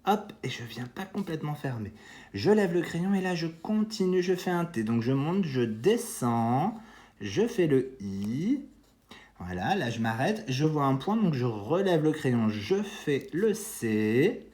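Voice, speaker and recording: A man teaching young children at home, slowly talking them through cursive handwriting step by step and encouraging them. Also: on the high side, big pitch swings, darkish tone, echoey room. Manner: slow, step-by-step guiding, encouraging. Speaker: kindergarten teacher.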